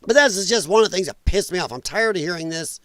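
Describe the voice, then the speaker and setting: A man's voice: high voice, animated, fast talker, a bit bright, dry recording. A man hosting a political livestream, speaking bluntly and sarcastically in a casual monologue. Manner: blunt and sarcastic, mocks opponents in put-on voices. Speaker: political commentary livestream host.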